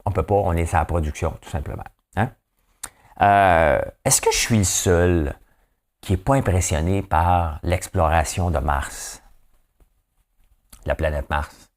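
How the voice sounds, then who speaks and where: A man with a very low voice and a Quebec French accent, hosting his daily news commentary. He talks casually and rambles from point to point. He keeps tossing out rhetorical questions. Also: unhurried, pauses often. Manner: rambling, asks rhetorical questions, often tags "hein?".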